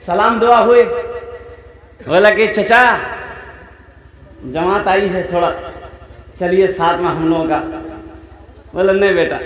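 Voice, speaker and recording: A man's voice: high voice, slight background noise. A man preaching a humorous sermon, telling village stories with dialect voices and heavy repetition. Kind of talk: humorous Islamic sermon with acted anecdotes. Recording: echoey hall.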